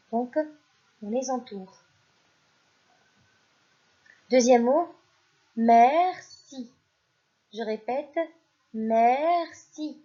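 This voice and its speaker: A woman teacher goes slowly through a phonics lesson for young pupils. She says every word twice, stressing it, and her voice is mellow and a little husky. The recording sounds dull and lo-fi. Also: a little high. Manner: slow and deliberate, repeats each word and stresses it louder; addresses pupils directly, praising them. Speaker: primary school teacher.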